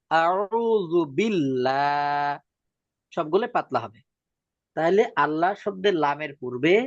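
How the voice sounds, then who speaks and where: A man teaching a Quran reading lesson. He repeats each rule patiently and draws out the example words slowly. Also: on the high side, dry recording, dull audio. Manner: drawn-out slow demonstration of words.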